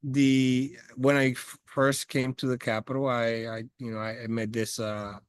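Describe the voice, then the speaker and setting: Sitting outdoors among trees by a house, a Dominican man in his forties is a guest on a casual interview by video call, speaking English. His mid-range voice is monotone and clean at a measured pace, full of hesitant fillers and restarts, and the recording is dry.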